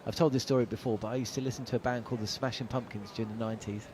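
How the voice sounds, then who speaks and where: Racing along with fairly even intonation, this middle-aged commentator has a medium-pitched, darkish voice. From the commentary box he gives ball-by-ball cricket calls, drifting into chatty anecdotes peppered with "uh."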